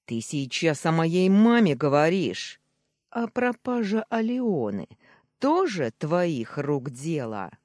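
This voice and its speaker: A man's voice: mid-range voice, animated, measured pace, mellow, no echo, studio quality, lightly acted. A man voicing an enraged young man who growls and hisses at his uncle, in an audiobook reading. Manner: growling, hissing.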